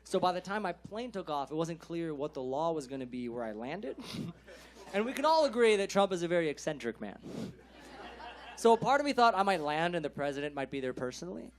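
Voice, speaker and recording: A man's voice: a little high, sing-song, a little fast. A man from California with an American accent doing a stand-up set in a casual, slangy way, laughing often. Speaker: stand-up comedian.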